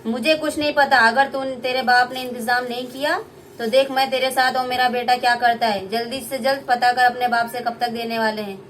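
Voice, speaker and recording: A young woman voicing a harsh, greedy older mother-in-law in a puppet play, shrill and scolding. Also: fairly even intonation, brisk, fairly bright tone, a little hiss or hum, lightly acted.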